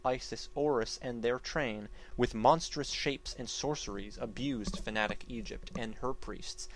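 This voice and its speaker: A man giving a theatrical dramatic reading of archaic epic poetry, declaiming it like a stage actor with solemn, deliberate phrasing that swells and falls. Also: mid-range voice, low-quality recording. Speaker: narrator reading an epic poem.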